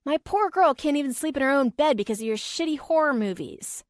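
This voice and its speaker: A woman's voice: high-pitched, animated, brisk, no room sound, studio quality, pitched above the performer's own voice. A woman voicing an eager billionaire dad. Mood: excited. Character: eager single-father billionaire man.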